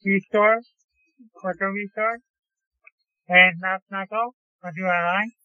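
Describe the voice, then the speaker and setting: A man's voice comes through a narrow, tinny phone line with no room sound. He talks slowly in a slightly high register and keeps his answers short and halting. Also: steady tone, no echo. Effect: heard over a phone line. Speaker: interview guest.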